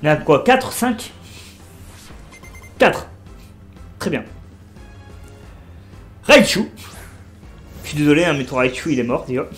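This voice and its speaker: Excitable young man narrating a game. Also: on the high side, a little slow, long pauses, faint music behind. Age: 20s. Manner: excitable, talks to viewers. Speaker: let's play streamer. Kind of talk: casual gameplay commentary.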